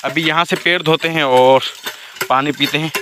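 Walking through fields in a village, a man from Pakistan in his thirties films himself with his phone stretched out at arm's length, selfie style. His voice sits on the high side with fairly even intonation and normal speed over a noisy background, and he chats, points out the surroundings, and ribs his friends in this casual vlog.

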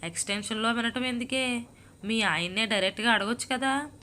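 A woman voicing a patient, puzzled woman friend who keeps asking gentle questions, in a storybook reading. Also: a little high, fairly quick, a little hiss or hum. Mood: exasperated.

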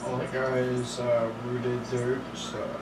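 Brief: male gaming buddy, slow monotone, echoey noisy call audio. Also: medium pitch. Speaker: friend on voice call. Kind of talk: casual gaming chat.

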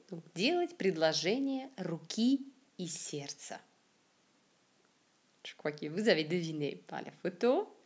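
Slow, breathy woman teaching language. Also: lowish voice, darkish tone. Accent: Russian. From Siberia, Russia. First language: Russian. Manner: repeats each phrase slowly and clearly. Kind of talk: slow, careful language lesson with repeated example phrases.

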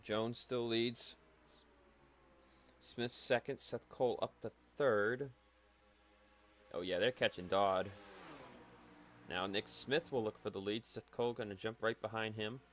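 Calm analytical sim racing commentator, man. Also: fairly low pitch, unhurried, long pauses, a little hiss or hum. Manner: calm, analytical play-by-play that rises sharply at wrecks. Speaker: race commentator.

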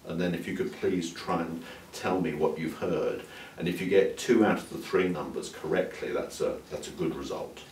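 In a calm, low voice at normal speed, an older man doctor demonstrates an exam, explaining as he goes with small restarts. The clinical teaching session is set in a clinic examination room and picked up by a far camera mic, so it sounds roomy and distant with faint room hiss.

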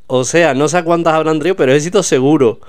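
A fairly high-pitched man talks quickly as he wanders casually down a supermarket aisle, chatting and pointing out products to his viewers. He's a vlogger giving a laid-back walkthrough of the store's goods.

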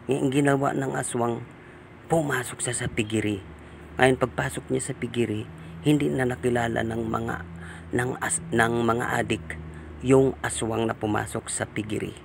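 A man tells a ghost story to his vlog viewers, plain and unhurried, circling back to the same filler word. His voice is gravelly and sits in a middling pitch. Faint noise sits behind him. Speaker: vlogger. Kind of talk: casual ghost-story telling.

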